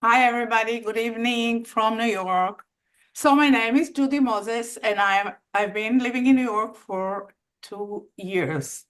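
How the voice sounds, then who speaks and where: A woman hosting an event, introducing panelists in a halting way with many pauses and fillers. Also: on the high side, fairly bright tone. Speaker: host.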